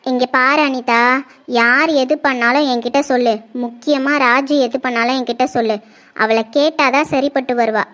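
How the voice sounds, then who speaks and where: An actress playing a firm, protective middle-aged aunt who insists on being told everything. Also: female voice, high-pitched, fairly even intonation, moderate pace, fairly bright tone. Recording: muffled lo-fi sound.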